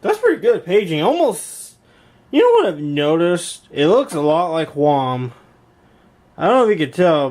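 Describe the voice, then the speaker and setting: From behind a handheld camera in a room at home, a YouTube hobbyist shows off intercom gear, narrating casually and ramblingly and often repeating himself. His voice is fairly high and a little mellow.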